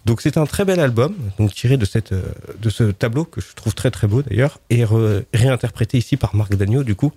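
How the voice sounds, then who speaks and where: A man's voice: medium pitch, animated, fairly quick, few pauses, dark tone, breathy edge, no room sound. A man presenting book picks on a casual book show, chatty and hesitant with many fillers.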